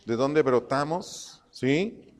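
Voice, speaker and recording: A man preaching a sermon to his congregation, slow and emphatic, repeating his phrases and dictating punctuation as he teaches. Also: medium pitch, animated, big-room sound. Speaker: pastor. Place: church congregation hall.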